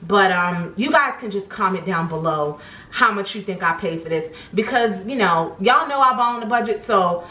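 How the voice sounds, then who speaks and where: With lively intonation and a sharp tone, a young woman chats at a moderate pace about the groceries she bought, rambling with frequent "um"s and "like"s while in her kitchen at home. Her voice sits in the mid range. Recorded poorly by a camera placed on the table ahead of her, the sound bounces around an echoey room.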